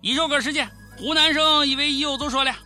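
A woman's voice: sits high, steady tone, a little fast, over loud music. A woman with a Shaanxi accent hosting a comic radio show in dialect, with a cheeky, theatrical, exclamatory delivery. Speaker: radio host. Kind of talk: comic scripted commentary in dialect.

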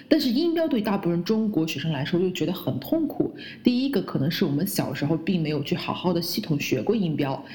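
A woman who speaks Chinese as her first language, teaching English pronunciation and slowly repeating the English words she models. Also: fairly low pitch, mellow. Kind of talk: pronunciation lesson.

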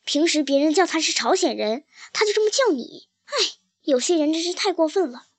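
Woman doing a kind storybook mother, soft and sorrowful, gently explaining, high voice, dry close sound. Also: lively intonation, a little fast, dry recording. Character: kind, tender-hearted mother speaking to her little daughter. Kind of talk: storybook reading.

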